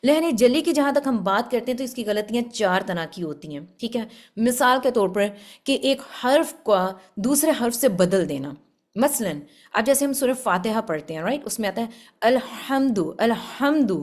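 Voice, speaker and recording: A woman giving a religious lesson on Quran recitation, explaining patiently and often checking with her listeners. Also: mid-range voice. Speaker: Quran tajweed teacher.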